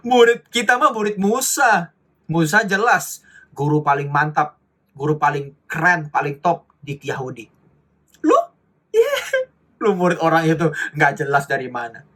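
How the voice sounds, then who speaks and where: A man voicing a smug, superior Pharisee who mocks others in a slow, sneering drawl. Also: fairly high pitch, sharp tone. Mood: scornful.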